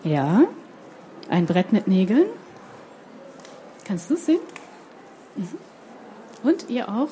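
Slow, mellow woman reading a storybook aloud. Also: mid-range voice, a little hiss or hum. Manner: expressive, talks directly to the children. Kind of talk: picture-book read-aloud. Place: room with children nearby.

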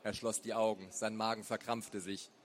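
A man narrating a story aloud in a measured, dramatic way. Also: fairly low pitch, little pitch movement. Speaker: reader. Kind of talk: audiobook narration.

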